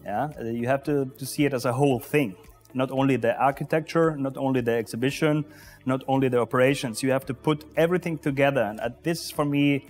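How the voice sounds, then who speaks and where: A man in his forties, a pavilion official, answering interview questions in a halting way with many filler sounds, recorded on a lapel mic inside an exhibition hall. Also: mid-range voice, soft background music. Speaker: pavilion deputy commissioner general.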